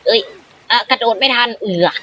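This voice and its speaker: A man hosting a gaming channel, giving playful, excitable commentary, role-playing dialogue and voicing his own jump sounds as he plays. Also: brisk, a little hiss or hum, rough recording.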